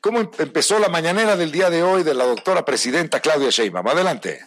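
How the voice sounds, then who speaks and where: A man's voice: on the high side, lively intonation, quick pace, heavy background noise. A man, co-hosting a casual chat, joking, teasing and steering the talk. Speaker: co-host.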